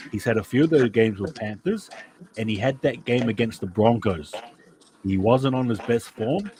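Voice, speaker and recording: A man's voice: fairly low pitch, darkish tone, slight background noise, low-quality recording. A man from New Zealand hosting a casual rugby league preview, chatty and given to repeating himself and restarting. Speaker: podcast host.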